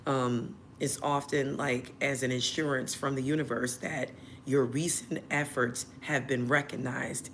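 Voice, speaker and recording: A woman whose voice is still hoarse, hosting a tarot livestream in a chatty way and checking in with her listeners often. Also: extremely low pitch, a little hiss or hum. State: hoarse, recovering voice. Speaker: tarot reader and channel host.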